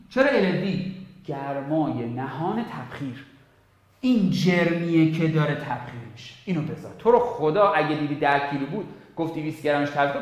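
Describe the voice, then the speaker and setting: A man teaching a physics exam-prep lesson with emphatic energy, repeating words and swinging between loud and soft. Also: sits high. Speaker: physics tutor. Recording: very echoey room.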